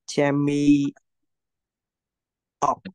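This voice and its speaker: A male student reading vocabulary aloud in class, halting and hesitant, often pausing on fillers. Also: a little high, monotone, clean tone, no room sound.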